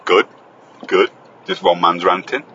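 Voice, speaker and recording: A man's voice: sits low, a little slow, sharp tone, dull audio, a little hiss or hum. A man chatting and joking as he hosts his own school-run recording from the car, teasing and bantering. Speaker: host and father on the school run. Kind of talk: casual chat while driving. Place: inside a car on the road. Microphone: phone voice recorder.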